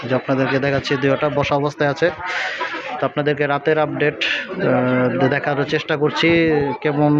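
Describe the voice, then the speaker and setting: A man with a Bangladeshi accent giving a casual vlog update outdoors at night near a cattle shed, at times speaking softly so as not to be overheard. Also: on the high side. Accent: Bangladeshi Bengali. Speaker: vlogger. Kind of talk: casual on-location vlog narration. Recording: dull lo-fi sound with clear background noise.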